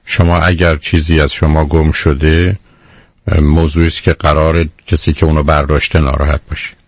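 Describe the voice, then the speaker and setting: Very deep-voiced man advising on radio. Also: flat delivery, dry recording, lo-fi sound. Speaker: radio advice host. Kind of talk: call-in advice show.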